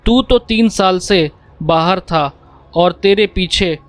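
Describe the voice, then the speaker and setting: Speaking slowly in a voice that sits high, a man recounts a first-person horror tale plainly, voicing the dialogue without altering his tone. The recording is dry and close-miked, with faint music underneath.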